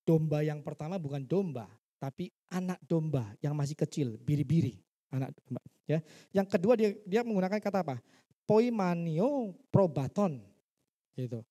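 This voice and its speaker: A man's voice: fairly high pitch, expressive, normal speed, mellow. A male pastor preaching a sermon in church. He teaches by asking his listeners questions and acting out the quoted dialogue.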